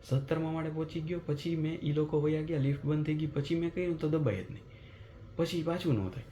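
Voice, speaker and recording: A man, telling a story as a vlogger in a chatty, animated way, recorded in his apartment at night. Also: fairly high pitch, a little fast, slight background noise. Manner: animated retelling of a mishap, chatty and conversational. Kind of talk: casual vlog storytelling.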